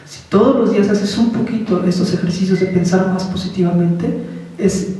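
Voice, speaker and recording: A man's voice: high-pitched, steady tone, normal speed, background noise. A man giving a Buddhist teaching as a casual talk, putting questions to the audience. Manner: conversational, asks the audience questions. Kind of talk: informal dharma talk. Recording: echoey hall, speaker far from the mic.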